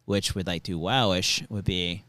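A man's voice: low voice, steady tone, a little slow, a bit bright, dry recording. A man, a stand-up comedian, telling stories in a rambling casual chat full of fillers. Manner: rambling, filler-heavy storytelling.

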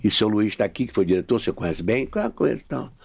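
A man's voice: lowish voice, lively intonation, fast, vocal fry, slightly rough, no room sound. A middle-aged man telling a long anecdote in casual podcast talk, acting out the dialogue with shifting voices. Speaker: podcast guest. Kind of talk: casual storytelling.

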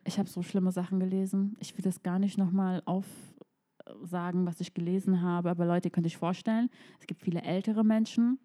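Woman cohost chatting, all emotional and teary, soft mellow voice. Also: fairly low pitch, steady tone, fairly quick. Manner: emotional, close to tears. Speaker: podcast co-host. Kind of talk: casual chat.

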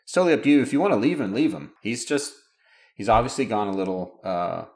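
A man's voice: fairly low pitch, lively intonation, fast, a little mellow. A man acting as game master, casually explaining rules and narrating a tabletop session.

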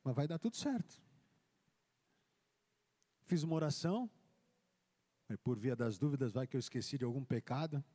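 Speaking at normal speed in a mid-range voice, the pastor lets long pauses fall as he relates his testimony in church. His storytelling is animated, with the dialogue acted out. The recording carries the long reverb of a church hall.

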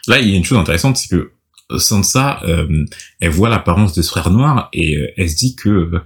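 A man's voice: sits low, animated, brisk. A young man hosting a casual book discussion, summarizing chapters with many fillers and restarts. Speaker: podcast host reading and discussing a novel. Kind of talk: casual chat with read-aloud summary.

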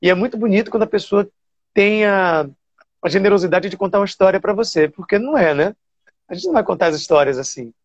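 High-voiced man telling stories. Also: quick pace, no room sound, dull audio. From Bahia, Brazil. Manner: animated storyteller, many fillers and restarts. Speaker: TV show presenter. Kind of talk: casual storytelling interview.

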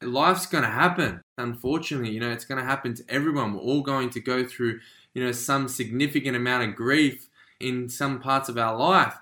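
Motivational podcast host, male, bright energetic delivery, echoey room. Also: mid-range voice, brisk. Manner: energetic, repeats "right?" and "you know"; acts out quoted feelings. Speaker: podcast host, life coach. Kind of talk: motivational talk.

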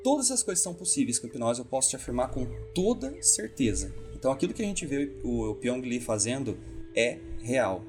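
A man's voice: mid-range voice, fairly quick, music in the background. A man telling stories as a hypnotherapist guest in a casual podcast talk, acting out the voices he quotes. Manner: animated, acts out the voices he quotes.

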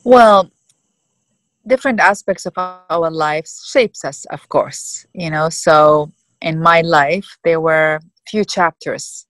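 A woman in her fifties from Iraq, answering interview questions thoughtfully with many pauses and fillers. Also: low-pitched, fairly bright tone, no room sound, low-quality recording. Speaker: guest.

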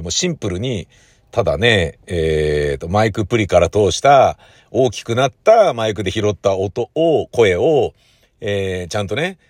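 A middle-aged audio enthusiast rambles casually and colloquially as a solo host, leaning hard on key words. His voice is lowish, and the recording is dry with clean studio sound.

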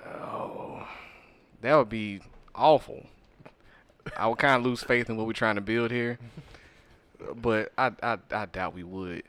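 A man's voice: lowish voice, unhurried, a bit bright, clear, resonant tone. A man in casual podcast chat, laid-back and upbeat, laughing easily.

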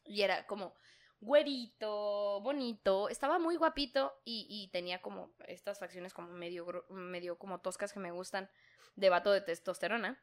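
A woman's voice: medium pitch, normal speed. A young Mexican woman telling crude, slangy stories on a casual chat show, laughing often and mimicking other people. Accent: Mexican Spanish.

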